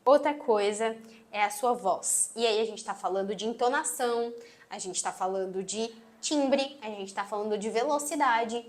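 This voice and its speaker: A Brazilian-accented woman with a sweet, gentle voice that sits a little high teaches an online lesson. She speaks with emphasis and ends each phrase decisively. She is recorded on a phone set on a tripod. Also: moderate pace. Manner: emphatic, closes phrases firmly. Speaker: marketing instructor.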